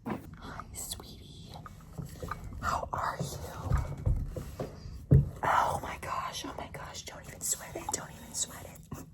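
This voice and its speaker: A woman's voice: slow pace, pauses often, distant mic. A woman whispering confidingly in a whispered role-play as a flirty, doting teacher, repeating herself in hesitant phrases. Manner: whispering confidingly, as if sharing a secret. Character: flirty, doting female teacher with an overnight guest. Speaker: ASMR role-play performer.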